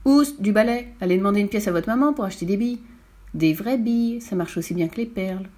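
A fearless little red-haired girl with a bright, cheeky, pushed-up voice and plenty of volume, as a woman reading the storybook puts her on. She sounds playful and sure of her own strength. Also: medium pitch, quick pace, lightly acted. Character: bold cheerful little red-haired girl, super strong. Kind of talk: audiobook character voice.

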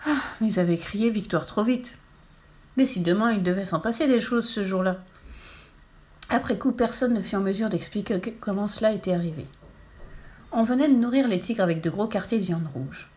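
A woman's voice: medium pitch, moderate pace, darkish tone. Woman reading a storybook aloud. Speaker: narrator.

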